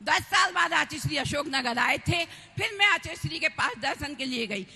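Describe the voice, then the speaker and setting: A woman in her fifties from Madhya Pradesh, giving an impassioned devotional tribute as a religious sister, often shouting her exhortations. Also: high-pitched, animated, normal speed, vocal fry, faint music behind. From Madhya Pradesh, India. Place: large hall at a religious gathering. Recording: echoey hall reverb.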